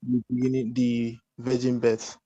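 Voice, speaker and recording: A man calling into an online stream, talking in a halting way and repeating his words, his voice coming through lagging, time-smeared internet call audio. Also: mid-range voice, monotone, dark tone, highs cut off. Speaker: caller.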